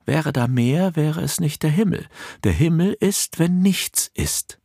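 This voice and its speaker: A man's voice: fairly high pitch, expressive, vocal fry, warm tone, husky, dry recording, clean studio sound, voice pushed up, full character voice. A man doing a languid ghostly spirit woman. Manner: slow, drawling, airy. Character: languid ghostly female spirit, near invisible.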